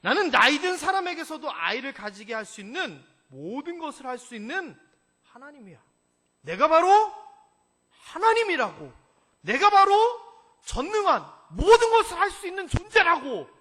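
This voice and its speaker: A man voicing God as an almighty, scolding figure, loudly insisting on who he is. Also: extremely high pitch, very animated, brisk, full character voice. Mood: boastful. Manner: emphatic, loud, repeating "I am God". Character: almighty God, boastful and scolding, speaking to a patriarch. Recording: echoey church hall.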